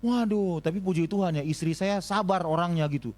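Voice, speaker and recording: A man preaching a sermon as pastor, animated, swinging between high exclamations and low asides and calling on the congregation for amens. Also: a little fast. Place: church.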